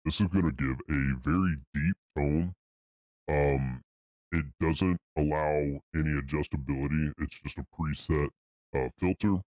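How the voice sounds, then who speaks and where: A man reviewing gear, talking plainly through a deep pitch-shifting voice changer preset. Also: unhurried, a little mellow, no room sound, muffled recording. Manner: plain explanatory talk with fillers. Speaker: tech reviewer. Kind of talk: casual product demo.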